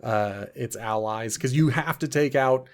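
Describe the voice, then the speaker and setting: A man co-hosting a casual movie podcast, animated, his voice jumping up when he gets excited, laughing often. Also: mid-range voice, a little slow. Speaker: podcast co-host.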